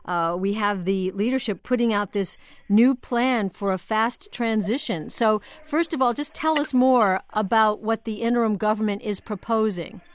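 A woman's voice: mid-range voice, moderate pace, clean tone. A woman hosting a live news interview from a studio, summarising and probing in a conversational way. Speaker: news programme host. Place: dry studio.

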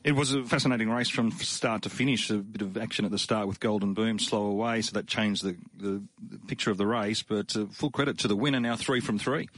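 A man's voice: lowish voice, fairly even intonation, brisk, few pauses, a bit bright, no echo. A man with an Australian accent talking casually as a racing pundit in a studio. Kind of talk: casual sports discussion. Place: radio studio.

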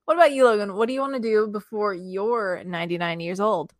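A woman co-hosts a podcast in casual, upbeat chat and drops playful asides as she goes. Her voice sits at an ordinary pitch. The sound is dry and close, with no room around it. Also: brisk, dry recording. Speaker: podcast co-host.

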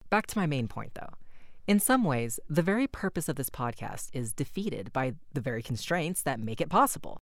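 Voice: mid-range voice, big pitch swings, normal speed, no echo, studio quality. A podcast host reading a scripted introduction and then asking interview questions in an earnest, conversational way.

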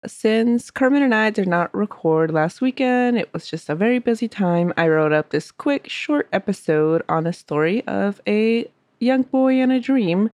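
Stuffed up with a cold, a female history podcast host narrates a scripted story steadily, her mid-range voice moving at a measured pace with hardly any pauses. The studio sound is clean, with no echo.

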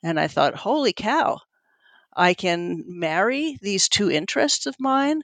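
In a mid-range, sing-song voice that's a bit bright and a little slow, a middle-aged woman answers interview questions earnestly and thoughtfully, often searching for words. Italian is her first language, and she's a neuroscientist who heads a lab. The sound is dry, with no room ambience.

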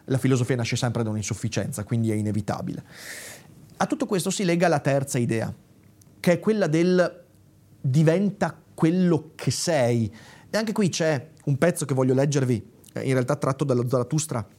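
A man's voice: mid-range voice, animated, moderate pace, darkish tone. A man hosting a philosophy video, talking straight to viewers and correcting himself as he goes. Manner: speaks directly to viewers, corrects himself aloud; reads the text dramatically, raising his voice at the cries. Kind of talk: spoken lecture with a read-aloud passage.

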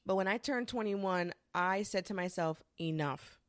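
A woman in her twenties talking casually and candidly to the camera, swearing freely and rushing through quick bursts. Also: medium pitch, dry recording, studio quality. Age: 20s. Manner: candid and profane, with frequent restarts and quick bursts. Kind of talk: casual confessional monologue.

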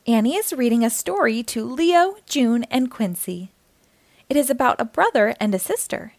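Speaking at a normal speed in a slightly high voice, a woman reads aloud at a children's storytime, lively and encouraging as she talks straight to the kids. The recording is dry.

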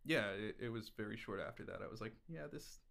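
On a podcast, a male guest with a lowish, fairly bright voice tells personal stories in a casual, candid, irreverent way that tends to ramble. He sounds animated and brisk, with some vocal fry.

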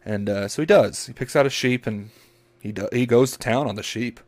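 A man chatting casually on a podcast. His talk is crude and profane, full of dirty jokes, in an average-pitched voice. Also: fairly quick, a little mellow. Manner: crude, profane joke-telling. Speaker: podcast co-host.

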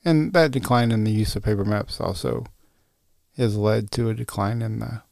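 A man's voice: fairly low pitch, moderate pace, gravelly, a little mellow, no room sound, studio quality. A man hosting a solo podcast, chatting casually with lots of uhs and restarts. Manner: casual, many fillers and restarts. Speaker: podcast host.

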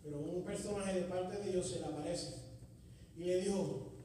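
A man preaching a sermon testimony in a church, swinging from loud exhortation to hushed storytelling. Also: sits high, fairly even intonation, moderate pace, slight background noise. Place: church sanctuary. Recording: echoey hall, distant mic.

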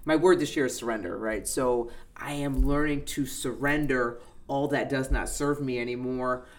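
A woman's voice: very deep voice, steady tone, normal speed. A middle-aged woman guest in a casual conversation, speaking earnestly and reflectively about personal growth.

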